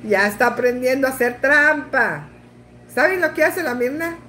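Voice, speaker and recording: A woman with a Mexican Spanish accent, hosting a casual chat with playful, animated storytelling. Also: high-pitched, normal speed, slight background noise. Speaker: channel host.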